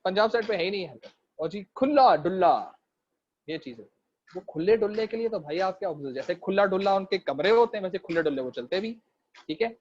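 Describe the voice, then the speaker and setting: A high-voiced man from Pakistan with a Karachi Urdu accent gives an online class lecture. He jokes, mixes English into his Urdu, and keeps tagging fillers onto his sentences. The audio is dull and lo-fi. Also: lively intonation, quick pace, a little mellow. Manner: repeats fillers. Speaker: teacher.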